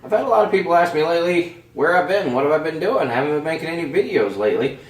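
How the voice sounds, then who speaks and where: A laid-back man talks a viewer around a project, his voice worn hoarse from a cold. His delivery rambles along with plenty of "uh" and "you know". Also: a little high, lively intonation, racing. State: has a cold, voice going hoarse. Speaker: vlogger. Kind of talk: casual walkaround vlog.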